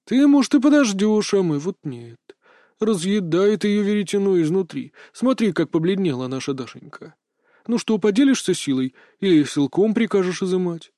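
A man's voice: sits high, expressive, normal speed, mellow, dry recording, studio quality, voice pushed up. A man voicing a sly, cackling old male sorcerer who talks in a folksy, mock-tender, chatty way. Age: older.

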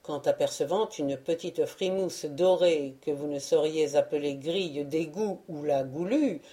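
A woman reading a literary audiobook in a measured, unhurried way. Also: sits low, dark tone. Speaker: audiobook reader.

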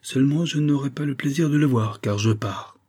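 A man reading an audiobook, voicing a cheerful, excitable one-armed worker who talks eagerly. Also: mid-range voice, fairly quick, slightly rough, voice pushed up, lightly acted. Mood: earnest. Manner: exuberant, cheerful, talkative. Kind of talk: audiobook character voice.

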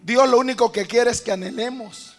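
A man preaching a sermon, often calling his listeners brothers and building to shouted, rhythmic repetition. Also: extremely high pitch, a little fast, faint music behind.

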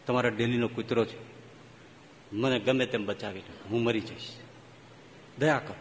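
A man's voice: medium pitch, fairly even intonation, moderate pace, long reverb tail, slight background noise, voice pushed down, natural voice. A man voicing a male king cobra in a told fable, whining for help and later coldly unrepentant. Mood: pleading. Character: male king cobra, pleading then cold and vicious.

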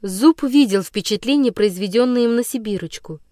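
A woman narrating a classic children's story as an audiobook, in a measured, dramatic storytelling manner. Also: a little high, dark tone, dry recording, studio quality.

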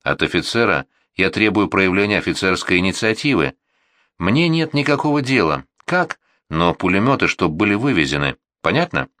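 A man's voice: deep voice, sing-song, moderate pace, sharp tone, no room sound, clean studio sound, full character voice. A man voicing a stern army colonel who gives curt, threatening orders to his officers. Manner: clipped, commanding.

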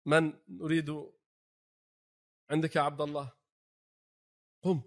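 A man gives a religious lesson to a class in a somewhat high voice. He talks slowly and deliberately, pausing to put questions to his students. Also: fairly even intonation, gravelly. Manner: slow and deliberate, poses rhetorical questions to the class. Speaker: sheikh teaching a class. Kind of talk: religious lesson on the call to prayer.

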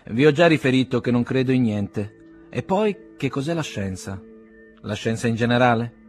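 A man's voice: mid-range voice, expressive, moderate pace, soft background music, natural voice. A man reading as a brusque young nihilist. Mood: blunt, dismissive. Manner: curt, blunt, dismissive. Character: brusque young male nihilist, a doctor's son.

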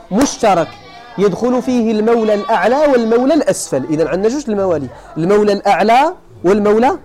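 A man with a Moroccan accent giving a classroom lecture on hadith terms, explaining each point and often asking his students whether it is clear. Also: extremely high pitch, warm tone. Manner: explains then checks if students follow. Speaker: teacher of hadith sciences.

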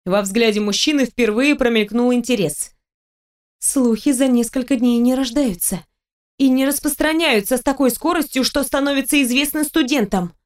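A woman narrating a first-person audiobook, lively and animated when speaking the heroine's lines. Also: sits high, moderate pace.

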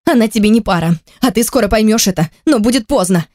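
A reader voicing a spoiled, scheming young woman in an audiobook, pleading and scornful by turns with a voice that climbs high. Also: lively intonation, quick pace, darkish tone, no room sound, clean studio sound, natural voice. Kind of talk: audiobook character voice.

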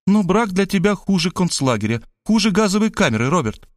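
For an audiobook, a man voices a doting, dramatic middle-aged woman who pleads with gushing, theatrical, pathetic exclamations in a high pitch. His sing-song delivery is fairly quick and recorded clean in a studio with no room sound.

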